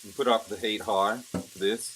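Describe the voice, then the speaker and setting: Low-voiced man as cooking show host, noisy kitchen. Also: steady tone, normal speed, a bit bright. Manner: casual step-by-step commentary while cooking. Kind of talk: casual cooking demonstration narration. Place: indoor kitchen at the stove. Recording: noisy kitchen with sizzling and clicks. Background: frying sizzle, stirring, clicks.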